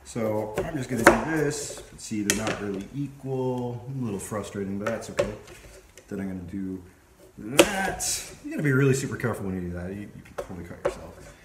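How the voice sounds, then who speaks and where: A man in his forties hosts a cooking show from his home kitchen and talks playfully to the viewer. His voice sits low, but the pitch swings widely as he jokes. The kitchen is echoey, with clear background noise and the sound of chopping. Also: lively intonation, a little fast. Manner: chatty, playful, talks to camera while chopping. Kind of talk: casual cooking vlog.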